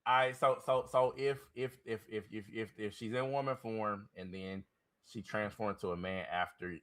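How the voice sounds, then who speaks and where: A man's voice: fairly low pitch, fairly even intonation, normal speed, fairly bright tone. A man co-hosting a podcast, chatting casually and animatedly, often repeating himself and laughing. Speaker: podcast co-host. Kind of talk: casual chat.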